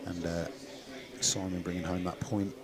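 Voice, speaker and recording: Deep and flat in delivery, this West Country Englishman talks at a normal pace while streaming live speedway commentary. His casual, off-the-cuff musings are backed by the roar of a speedway stadium crowd at the outdoor venue.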